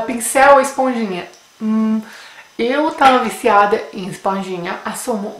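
Her voice medium-pitched and fairly bright, a twenty-something Brazilian woman from Brasília chats playfully through a beauty tag as a vlogger. She's recording on a webcam indoors in a small home room with a bookshelf, with roomy echo and faint noise.

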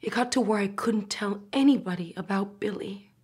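A young woman acting a tragic, sorrowful, guilt-ridden mother in a dramatic monologue, with halting delivery. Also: fairly high pitch, breathy edge. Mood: guilty, sorrowful. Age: young adult. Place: indoor studio with plain backdrop.

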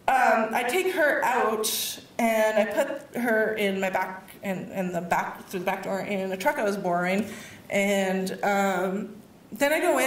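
Woman, casual storyteller, fairly high voice, rambling with fillers, laughs and curses. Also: roomy sound. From Canada. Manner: rambling, many fillers, laughs while telling, swears. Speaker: award winner telling her story.

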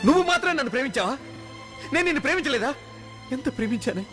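Casting: an obsessive young man, high and lively voice, dramatic film scene with score. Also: rapid-fire. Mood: pleading. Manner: pleading, then mocking. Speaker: film hero. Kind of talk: Telugu film drama acting. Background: film score music.

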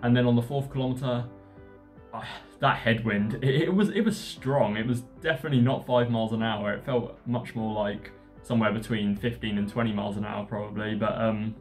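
Chatty man vlogging, faint guitar behind. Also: fairly low pitch. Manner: relaxed, rambling, many fillers. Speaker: running vlogger. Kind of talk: casual vlog narration.

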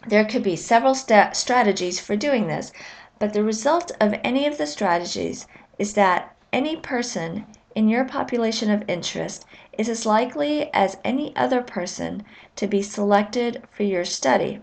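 A woman lecturer giving a recorded lesson, explaining with measured, clear phrasing and the odd filler. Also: mid-range voice, lively intonation.

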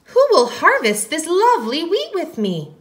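A woman voicing a hardworking, cheerful little red hen in a storybook read-aloud for preschoolers, with a high, bright, sing-song voice. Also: huge pitch swings, normal speed, heavily acted. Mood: eager.

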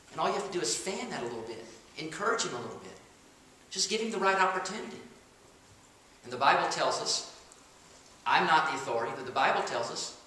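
A man's voice: a little high, pushed and bright. A man preaching a sermon as pastor of a church, dramatic and acting out the voices he quotes. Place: church sanctuary. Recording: echoey church room.

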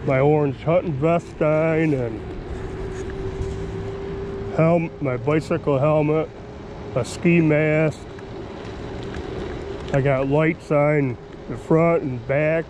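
A man's voice: fairly high pitch, muffled recording. A man talking in a casual, folksy vlog style while riding an electric scooter outdoors. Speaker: vlogger. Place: outdoors, riding along park roads and stopping at a pavilion. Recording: outdoor action camera with ambient noise.

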